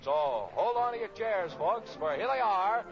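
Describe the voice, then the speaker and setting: A man's voice: sits high, lively intonation, normal speed, fairly bright tone. A man playing an exuberant announcer on a 1940s radio comedy show. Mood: rousing. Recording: muffled 1940s radio recording with music.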